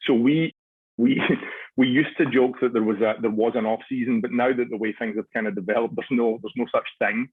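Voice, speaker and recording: A man's voice: medium pitch, steady tone, brisk, breathy edge, no echo, phone-quality sound. A Scottish man in his forties, a soccer club director, answering radio interview questions with many restarts and fillers. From Scotland.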